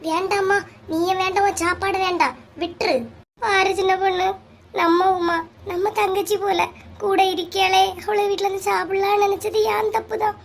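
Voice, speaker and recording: Cartoon comedy: woman playing squeaky, nagging village neighbor women, Kanyakumari Tamil accent, scolding banter. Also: little pitch movement, moderate pace, a little hiss or hum. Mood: bickering. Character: bickering, sharp-tongued village women neighbors.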